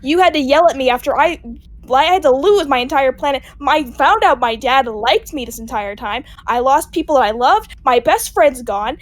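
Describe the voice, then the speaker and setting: A woman's voice: high-pitched, animated, normal speed, no room sound. A woman playing a sarcastic, bitter princess. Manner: sarcastic, accusing, mocking. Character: bitter grieving young princess, sharp-tongued. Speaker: roleplay actor. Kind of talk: Minecraft roleplay acting.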